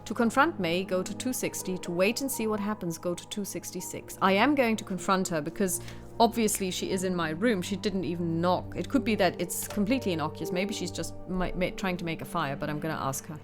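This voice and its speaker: Over music, a woman with a lowish voice reads a solo horror gamebook aloud, talking a little fast with few pauses. As a solo tabletop player, she reads the passages steadily and then chats about the choices she makes.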